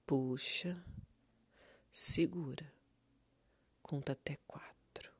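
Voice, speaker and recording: Speaking in a breathy near-whisper at medium pitch, a Brazilian-accented meditation guide gives soft, calming directions and leaves long gaps between them. The recording is dry.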